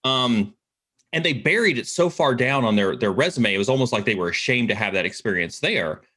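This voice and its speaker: A man's voice: medium pitch, animated, a little fast, pushed and bright. A man speaking as the guest expert in a casual interview, talking enthusiastically and often repeating words as he starts a thought.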